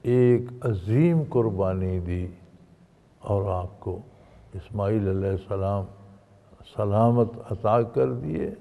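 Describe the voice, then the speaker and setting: A man in his eighties from Pakistan, a Sufi sheikh giving a sermon, reciting Quranic verses and swinging between loud emphasis and quiet narration. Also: on the low side, gravelly, narrow, tinny audio. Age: 80s. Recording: long reverb, hall.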